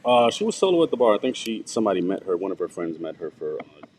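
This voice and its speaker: Deep-voiced man telling laid-back stories. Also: sing-song, quick pace, darkish tone, a little hiss or hum, poor audio. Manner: laid-back storytelling, chuckles often. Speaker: radio show co-host. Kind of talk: casual chat.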